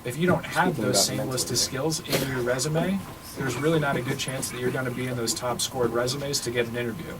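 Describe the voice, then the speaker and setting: A man explains career advice patiently and step by step as a radio guest. He is heard from some distance from the microphone, and loud crowd chatter surrounds him. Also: mid-range voice, fairly quick. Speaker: career advisor. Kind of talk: explaining on a radio talk show.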